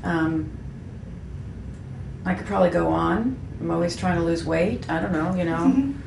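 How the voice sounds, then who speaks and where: A woman in her fifties, a graphic designer being interviewed, speaks in a low, gravelly voice at an unhurried pace. She reflects candidly and frankly, pokes fun at herself, and fills her talk with fillers and restarts. The room is echoey, with a faint hum in the background.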